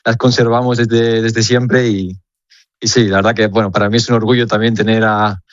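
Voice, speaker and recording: A young man from Spain, a footballer, answering questions earnestly over the phone, halting and repeating words as he searches. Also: on the low side, little pitch movement, dry recording, highs cut off. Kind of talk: phone interview.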